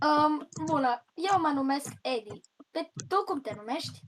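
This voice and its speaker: A woman's voice: sits high, expressive. A woman from Romania, a native Romanian speaker, chatting casually in a teasing, exclamatory way during a game. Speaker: video co-host. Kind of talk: casual gaming chat. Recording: noisy home microphone, clicks.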